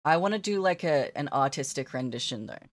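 A woman's voice: a bass voice, lively intonation, a little fast. A young woman streaming while she draws, chatting to her viewers in a giggly, gushing way. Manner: giggly, gushing, talks to chat. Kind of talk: casual live-stream chat while drawing.

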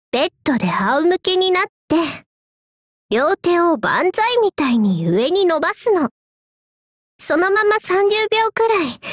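A woman streaming an ASMR role-play, talking in a teasing, coquettish way with soft, drawn-out endings. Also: high voice, no room sound, clean studio sound.

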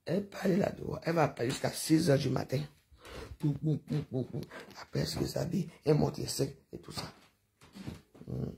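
A woman's voice: sits low, fast talker, gravelly, warm tone, slight background noise. An older woman chatting to her viewers in a rambling, digressive livestream monologue, sprinkling in sound-effect noises.

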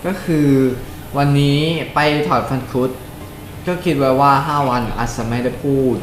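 A man's voice: medium pitch, moderate pace, faint music behind. Joking young man chatting on a game stream. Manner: joking, reads and answers viewer chat aloud. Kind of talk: casual live-stream chat. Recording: echoey room with background noise.

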